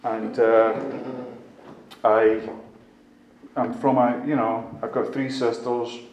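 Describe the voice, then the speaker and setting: At a recovery meeting, a fiftysomething man from the outskirts of Glasgow talks through his personal testimony with a Glasgow-area accent, plainly and conversationally. He speaks slowly and flatly in a medium, slightly mellow voice. Faint background noise and echo fill the room.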